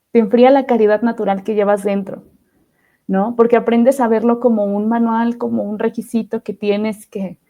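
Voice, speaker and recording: A woman's voice: on the high side, phone-quality sound. A woman, a podcast guest sharing her testimony in a reflective way, often asking "¿no?". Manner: reflective, often ends phrases with "¿no?". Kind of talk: testimony interview.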